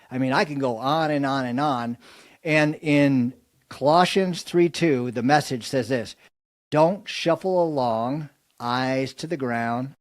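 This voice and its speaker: A man speaking as a podcast guest, earnestly explaining a faith framework in an animated, preaching style. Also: on the high side. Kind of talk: faith-based podcast conversation.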